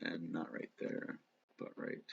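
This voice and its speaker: A man's voice: slow pace, a little hiss or hum. A man with missing front teeth hosting a casual, rambling crypto vlog, talking informally with lots of filler words. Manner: informal, rambling, filler-heavy, frequent "you know" and "like". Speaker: host of a crypto channel. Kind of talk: casual rambling vlog, live market commentary. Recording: slightly dull, lo-fi sound.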